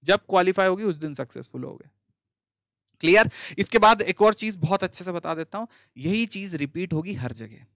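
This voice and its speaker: A man's voice: high voice, animated, normal speed, a bit bright, no echo, clean studio sound. A man, an online teacher giving a motivational talk to exam students in a direct, scolding but friendly way, repeating points for emphasis.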